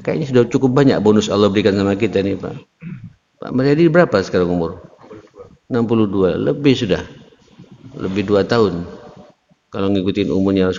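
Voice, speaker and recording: A man's voice: fairly low pitch, darkish tone. A man preaching a sermon to a gathering, often addressing listeners as "sir" and rising into emphatic bursts on key phrases. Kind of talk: sermon at a religious study gathering. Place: hall at a religious gathering. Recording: reverberant hall, dull lo-fi sound, faint noise.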